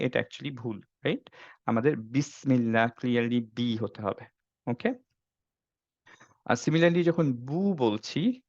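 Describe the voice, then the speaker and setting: The recording is muffled and free of echo, carrying a man's mid-range voice as he teaches Quran recitation online. Speaking Bengali mixed with English, he patiently demonstrates letter sounds and keeps asking "okay?" to see whether students follow.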